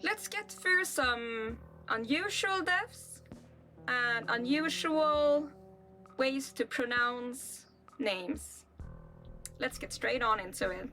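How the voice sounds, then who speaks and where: Young Swedish-accented woman vlogger, unhurried and slightly high-pitched, musing reader. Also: lively intonation, pushed and bright, soft background music. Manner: rambling, musing asides between read-out passages. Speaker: channel host. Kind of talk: casual reaction vlog, reading aloud.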